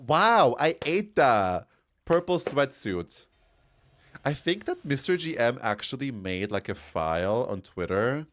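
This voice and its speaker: A man's voice: mid-range voice, sing-song, unhurried, a bit bright. A young man with an Austrian accent chatting casually with his stream chat and laughing often.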